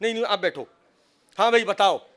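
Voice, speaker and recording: A man giving a lively seminar lecture on cyber safety to a live audience, mixing Hindi and English and acting out phone calls as he teases the listeners. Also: sits high, moderate pace. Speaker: seminar speaker on cyber crime.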